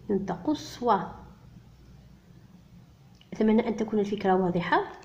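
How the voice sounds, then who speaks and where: Woman, primary French lesson in Arabic, very slow, careful pronunciation, dull lo-fi sound. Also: mid-range voice, darkish tone. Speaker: teacher. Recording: dull lo-fi recording.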